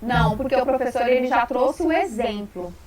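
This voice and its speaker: A woman's voice: a little high, normal speed, echoey room, distant mic, crowd noise, poor audio. A woman teacher giving an online lecture, explaining patiently and checking in with her students.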